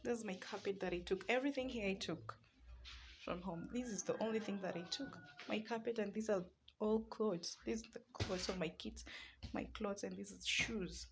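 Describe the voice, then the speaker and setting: A woman's voice: medium pitch, moderate pace, vocal fry, noisy background. A woman with a Kenyan accent, vlogging emotionally from a small single room, pleading and sometimes dropping to a whisper. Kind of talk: emotional personal vlog.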